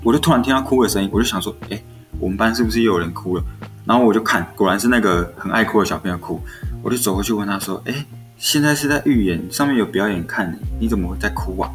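A man's voice: lowish voice, quick pace. A young man in his twenties with a Taiwanese Mandarin accent, an elementary school teacher telling classroom stories in casual chat and acting out what was said. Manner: animated storyteller who acts out quoted dialogue. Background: faint background music.

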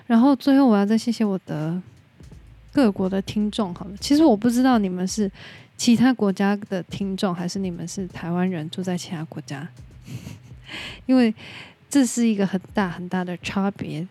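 A woman with a Taiwanese Mandarin accent hosts her own podcast, chatting alone in a relaxed, unscripted way. Her mellow, warm voice sits at a middle pitch and moves at normal speed, and she speaks her mind candidly while dropping in English words.

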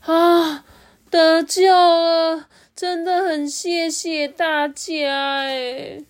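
A woman voicing a lazy, sleepy young male earthworm in a children's story, with a whiny, drawn-out manner and a Taiwanese Mandarin accent. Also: very high-pitched, level tone, pitched above the performer's own voice, exaggerated voice. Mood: relieved.

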